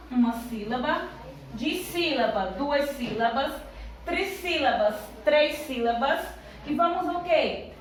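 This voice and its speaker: A woman with a high voice teaches young children and explains each step patiently. She keeps asking questions and answering them herself, and she spells out counts slowly. Her voice comes from some distance in a very echoey room, with faint noise underneath. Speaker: primary school teacher. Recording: very echoey room, voice far from the mic.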